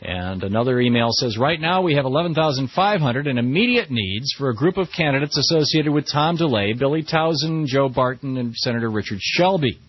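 A man's voice: medium pitch, lively intonation, fairly quick, hardly any pauses, husky, no echo. An American man hosting talk radio in an emphatic, rhetorical monologue, recorded in a studio. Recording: slightly dull radio broadcast audio.

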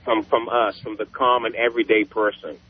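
A man's voice: lowish voice, steady tone, fairly quick, slight background noise. A man calling in to a radio show from his truck, ranting with indignation while his cell phone call breaks up. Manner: indignant, rambling complaint. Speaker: caller.

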